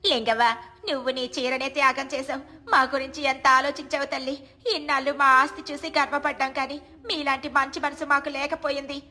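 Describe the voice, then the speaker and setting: A woman's voice: flat delivery, a little fast, pushed and bright, faint music behind. A woman voicing a wealthy village farmer's wife who pleads and weeps in a raised voice. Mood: grateful. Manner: wailing, high-pitched pleading.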